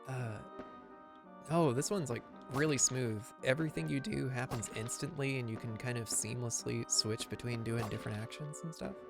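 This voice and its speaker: Casting: male game streamer, fry-edged mid-range voice, relaxed casual playthrough commentary. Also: mid-range voice, moderate pace, over music. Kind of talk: casual live playthrough chat.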